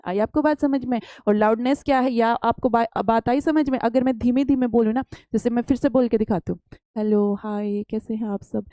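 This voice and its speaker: A woman's voice: on the high side, fairly even intonation, brisk, few pauses, mellow, dry recording. A woman teacher giving a science lesson, explaining patiently and asking the pupils questions, then answering them herself.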